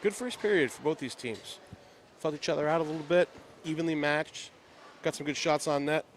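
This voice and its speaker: A man's voice: fairly high pitch, fairly quick, a little hiss or hum. A man giving chatty, easygoing color commentary on a live amateur hockey game, bantering with his partner.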